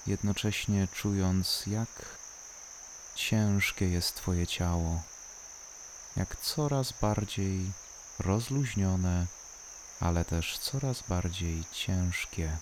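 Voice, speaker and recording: A calm, soothing voice guiding a body-scan relaxation, unhurried and leaving long pauses between short instructions. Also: low voice, slight background noise. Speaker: guided relaxation narrator. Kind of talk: slow guided body-scan meditation.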